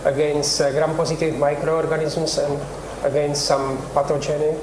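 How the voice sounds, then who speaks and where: Older czech guy, slightly high voice, hesitant explaining, roomy studio with noise. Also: level tone. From Czech Republic. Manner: halting, explanatory, many pauses. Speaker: cannabis researcher guest. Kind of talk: TV studio interview. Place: TV studio set. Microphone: lapel mic.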